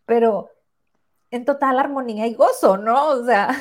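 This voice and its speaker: A woman with a slightly high voice chats in a lively, conversational way. She often checks in with her listener through short tag questions. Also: a little slow. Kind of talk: casual conversation.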